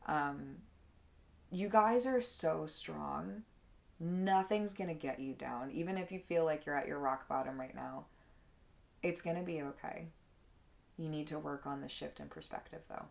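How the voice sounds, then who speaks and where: A young woman with a low voice that slips into a gravelly fry gives an earnest tarot reading. She talks casually, with slang and fillers, and urges the listener on warmly. Now and then she reads card passages aloud, moved and emotional. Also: moderate pace. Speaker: tarot reader.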